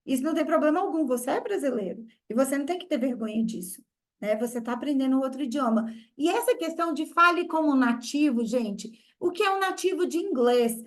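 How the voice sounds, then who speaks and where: High-pitched teacher lady w/ a minas accent, lots of rhetorical questions, really emphatic. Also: lively intonation, fairly quick. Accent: Minas Gerais Brazilian Portuguese. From Brazil. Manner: emphatic, repeats key phrases, asks rhetorical questions. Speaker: English teacher. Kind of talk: online masterclass lesson.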